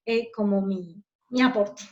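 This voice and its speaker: A woman from Colombia, a pastor, telling family stories in an animated way during a church workshop talk. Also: mid-range voice, unhurried, highs cut off.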